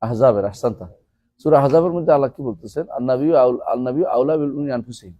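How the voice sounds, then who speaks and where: A male teacher leads a classroom lesson on a religious text. His voice is dark and mellow, sitting at an ordinary pitch. He quizzes his students as he goes, explains terms one by one, and slows right down when reciting Arabic verse. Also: dull audio. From Bangladesh. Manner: asks students questions and explains term by term. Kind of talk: classroom lecture with questions to students.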